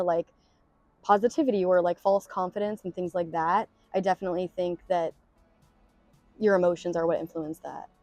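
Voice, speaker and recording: A woman's voice: medium pitch, darkish tone, dry recording. Earnest young woman, dry sound. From Massachusetts. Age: young adult. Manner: earnest, emphatic. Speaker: interviewee. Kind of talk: casual interview answers.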